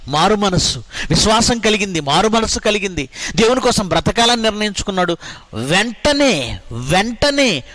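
High-voiced Telugu-accented man preaching. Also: a bit bright, no room sound. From India. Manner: emphatic, repeats phrases, rhetorical questions. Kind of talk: sermon.

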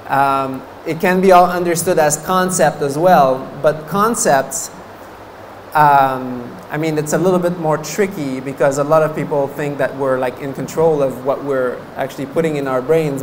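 A French-Canadian Buddhist monk in his thirties, whose first language is French, gives a chatty dharma talk at a meditation course, laughing often between fillers. His voice is on the high side, and the low-quality recording has a little hiss or hum. He sits before a banner in a meditation hall, gesturing with his hands, with a stand mic in front of him.

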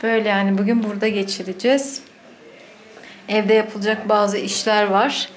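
A woman vlogging casually at home, speaking softly and gently while her child sleeps nearby. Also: mid-range voice, steady tone, moderate pace, slight background noise. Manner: soft and hushed beside a sleeping child. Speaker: vlogger, mother. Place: indoors at home. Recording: echoey room, faint ambience.

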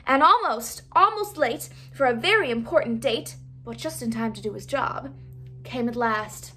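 A woman reading a children's picture book aloud, expressive and playing the sound effects. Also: a little high, normal speed, a little hiss or hum. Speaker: storybook reader. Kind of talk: children's storybook read-aloud.

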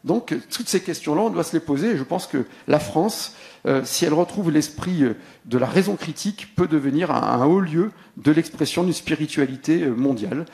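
A male panelist with a slightly raised pitch wraps up his remarks. He speaks in a measured, reflective way and pauses now and then on fillers. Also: lively intonation, creaky, a little mellow. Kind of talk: panel debate speech.

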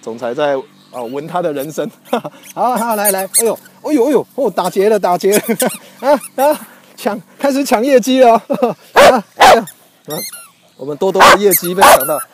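Man, high voice, mock-announcer hype, outdoor livestream, faint background noise. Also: huge pitch swings, normal speed. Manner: mock-announcer hype, loud whoops and laughter. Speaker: host of a pet livestream. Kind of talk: playful livestream commentary. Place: outdoors with dogs. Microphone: handheld phone on a stabilizer.

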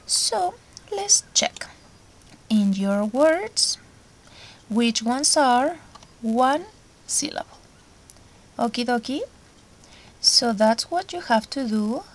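A woman teaching an English lesson to children, explaining each step patiently. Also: a little high. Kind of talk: recorded remote lesson.

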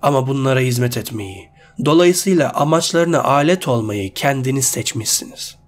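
A man's voice: medium pitch, animated, normal speed, soft background music, close to an everyday voice. A man voicing Silas, a mocking cruel sorcerer. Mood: rousing. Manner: mocking, coldly persuasive. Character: cruel scheming male sorcerer leader, adult. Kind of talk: storybook character voice.

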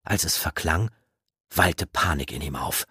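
A man narrating a fantasy audiobook in a measured, dramatic reading. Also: very deep voice, bright, forceful tone, husky, dry recording, studio quality.

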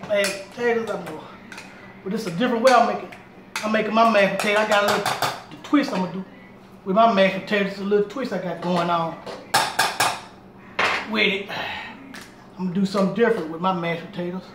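A man's voice: high voice, steady tone, fast, pauses often, far from the mic. A middle-aged man hosting a casual home cooking demonstration, chatting and repeating himself as he works around a small kitchen. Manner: talks while moving around the kitchen. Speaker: home cooking show host. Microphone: camera on tripod across the kitchen. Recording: roomy sound from a camera across the kitchen, noisy. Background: clatter of pots and dishes.

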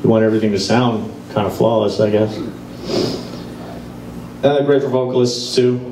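A middle-aged man leads a relaxed live guitar demonstration in a music store, explaining into a handheld mic and stopping to play examples. His voice is on the low side, steady, and mellow, heard in a roomy, distant recording with slight hiss or hum and guitar in the background.

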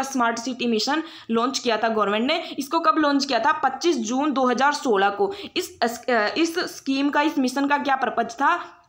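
A young woman with a Haryanvi Hindi accent gives an exam-prep lecture in a high, light voice. She explains patiently and restates each idea in simpler words. She often pauses on fillers and restarts her sentences as she goes. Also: a bit bright. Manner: explanatory, repeats herself, frequent fillers and restarts, mixes English terms. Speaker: teacher.

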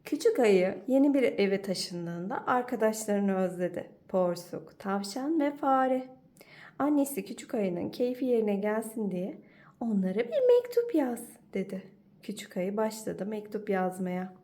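A woman teacher reading a children's storybook aloud in an expressive, animated way. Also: mid-range voice, a little slow.

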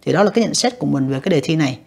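An English teacher who walks students through exam answers, addressing them often and slowing down to sound out words. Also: medium pitch, expressive, creaky, husky.

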